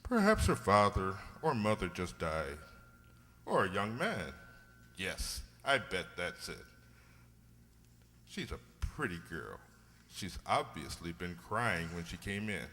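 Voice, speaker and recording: A man acts a genial older English doctor in an old radio play. The voice swoops in lively, bright exclamations, hearty and avuncular, with long hall reverb around it. He is a sentimental storyteller at heart. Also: low voice, slow pace, long pauses, heavily acted. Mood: sympathetic. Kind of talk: old-time radio drama acting.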